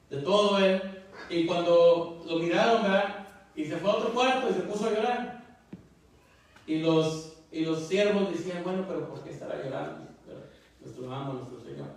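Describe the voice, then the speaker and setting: Man, preacher, folksy sermon, fairly high voice, stammering restarts, very echoey church, distant mic. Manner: folksy, repeats "¿verdad?" and "hermano". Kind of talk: Spanish sermon. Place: church sanctuary.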